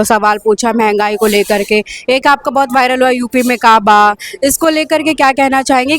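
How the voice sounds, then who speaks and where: High-voiced woman interviewer, probing. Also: no room sound. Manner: probing, formal. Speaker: interviewer, host. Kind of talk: news interview questions.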